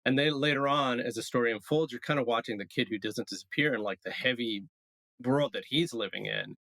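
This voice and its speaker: Bright-voiced man, upbeat podcast co-host. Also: medium pitch, fairly quick, no room sound, low-quality recording. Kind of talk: casual chat. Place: New York City.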